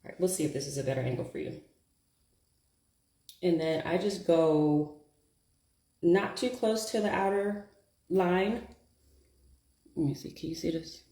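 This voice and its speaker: A woman's voice: lowish voice, measured pace, pauses often, warm tone, echoey room. A woman chatting casually and thinking aloud as she applies her lashes during a live stream. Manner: chatty, self-deprecating, thinks aloud while working. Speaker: beauty vlogger. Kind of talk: casual live chat while doing makeup.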